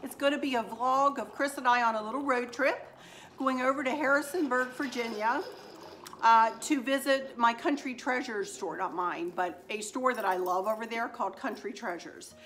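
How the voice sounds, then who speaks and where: A woman, chatting warmly to viewers in a home vlog from her kitchen and often repeating words for emphasis. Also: a little high, normal speed. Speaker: vlogger.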